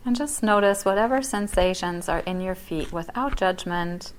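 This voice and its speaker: A woman yoga teacher leads a body scan meditation during a yoga class, speaking softly and gently in a mid-range voice at normal speed, with her words often fading to near-whispers. The recording is rough, with slight background noise.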